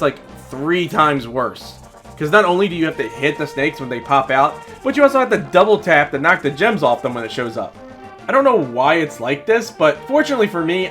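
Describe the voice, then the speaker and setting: A man's voice: on the high side, fairly bright tone. A man giving exasperated, sarcastic and profane commentary as he reviews a video game.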